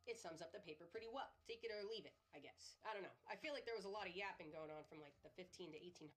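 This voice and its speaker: A woman's voice: fairly low pitch, lively intonation, fast talker. A young woman hosting a scripted commentary video, profane and sardonic in her delivery. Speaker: host.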